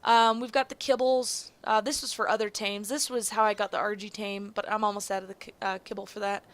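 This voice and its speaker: A woman's voice: mid-range voice, level tone, fairly quick. A woman giving rambling, casual gameplay commentary, full of fillers and self-corrections, with some casual swearing. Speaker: gaming video host.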